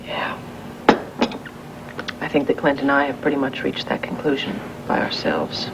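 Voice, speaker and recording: An actress playing a poised businesswoman who speaks in a measured, questioning way, in 1980s daytime soap acting heard from a worn VHS tape copy. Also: very deep voice, sing-song, exaggerated voice. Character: grown woman, businesswoman owning a factory. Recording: muffled hissy worn videotape of a TV broadcast.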